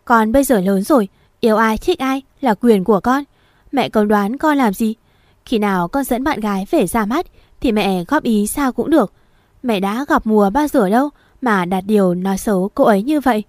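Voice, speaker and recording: A woman's voice: fairly high pitch, moderate pace, a little mellow, no echo, studio quality, lightly acted. A woman voicing a frustrated young man arguing with his mother. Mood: exasperated. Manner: pleading, exasperated.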